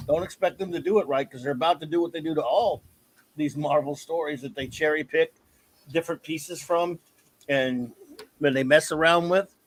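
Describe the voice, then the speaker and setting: A man's voice: fairly high pitch, moderate pace. A man in a casual chat, blunt and opinionated, grumbling about comic films.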